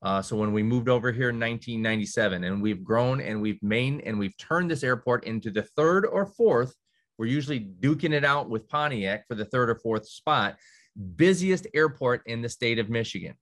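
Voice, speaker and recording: A man's voice: mid-range voice, moderate pace, fairly bright tone. A man representing a college, giving a conversational virtual presentation to counselors, with many fillers and restarts and the odd dry sarcastic aside. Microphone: video call.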